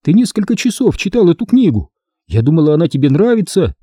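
A man's voice: on the high side, big pitch swings, quick pace, warm tone, husky, dry recording, pitched above the performer's own voice. A man voicing a bossy, teasing eleven-year-old girl in an audiobook. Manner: teasing, sarcastic. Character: mocking eleven-year-old girl, older-sister airs. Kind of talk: audiobook character voice.

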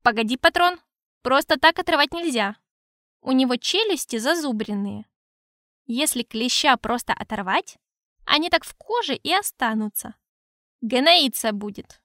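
A woman's voice: sits high, expressive, measured pace, bright, forceful tone, no room sound, clean studio sound, heavily acted. A woman voicing a pedantic know-it-all inner voice that lectures and corrects in an audiobook. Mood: lecturing. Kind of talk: audiobook reading.

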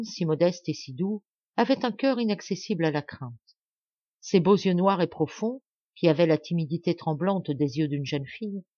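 A woman from France narrates a classic novel in an expressive, measured way. The recording is dry and close, with a slightly muffled, lo-fi tone. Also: lowish voice, no echo. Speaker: audiobook reader. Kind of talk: literary audiobook narration. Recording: dull, dry home recording.

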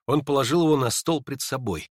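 A man giving a measured, expressive literary audiobook narration. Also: medium pitch, no room sound, studio quality.

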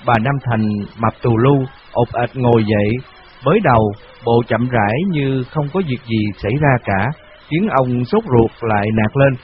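A man's voice: mid-range voice, moderate pace, lo-fi sound, slight background noise. Male audiobook narrator. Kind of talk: scripted narration.

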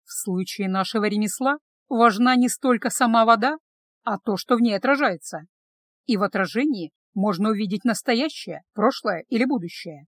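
A woman's voice: mid-range voice, a bit bright, no echo. A woman voicing a stern older witch aunt who lectures her niece dryly. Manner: lecturing, dry.

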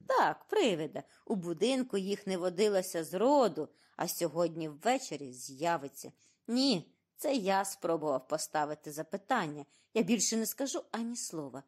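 A woman reading an audiobook and voicing an excitable, fussy middle-aged male detective who speaks theatrically and in exclamations. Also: on the low side.

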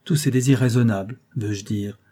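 A man's voice: mid-range voice, steady tone, normal speed, dark tone, lightly acted. A man reading an audiobook, voicing a fussy, eager middle-aged asylum director who talks in an obliging, chatty way.

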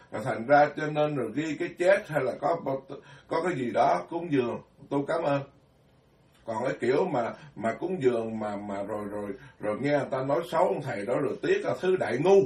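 Male Buddhist monk, frank lecturing voice, recorded from a distance. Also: fairly high pitch. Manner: blunt, scolding, self-deprecating. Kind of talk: sermon. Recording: echoey room, far from mic.

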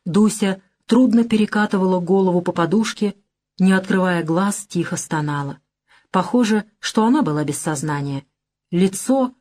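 A woman narrating a novel in a steady, measured audiobook reading. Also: medium pitch. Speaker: audiobook reader. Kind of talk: literary narration.

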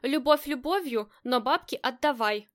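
A woman's voice: high voice, expressive, moderate pace, fairly bright tone. A woman voicing a tough female gang boss in an audiobook, speaking dryly with mock sternness. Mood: wry.

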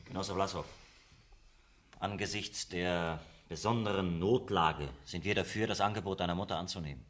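A stern underground party leader. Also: male voice, low-pitched, normal speed, fairly bright tone. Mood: commanding. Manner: firm, commanding. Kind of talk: radio drama acting.

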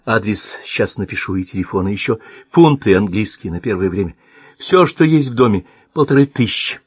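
A man doing a brisk, urgent aunt. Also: on the low side, expressive, husky, no room sound. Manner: urgent, taking charge. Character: emotional middle-aged aunt, brisk and caring.

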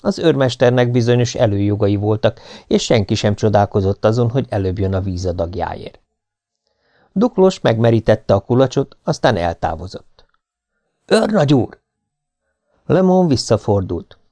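A man reading an adventure novel aloud as an audiobook narrator, at a steady, measured pace. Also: lowish voice, no room sound.

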